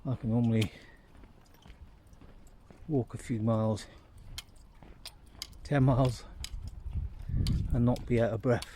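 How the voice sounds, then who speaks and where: A man's voice: mid-range voice, steady tone, slow, pauses often, warm tone. A British man from the UK, out of breath, thinking aloud in a rambling, casual walking vlog recorded outdoors on a phone. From United Kingdom. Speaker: vlogger. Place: outdoors on a street. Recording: street traffic noise.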